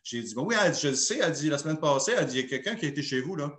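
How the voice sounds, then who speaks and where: A man's voice: a little high, lively intonation, racing, a bit bright, roomy sound. A man with a Québécois French accent, a pastor telling a personal story in a sermon and acting out the dialogue. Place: church.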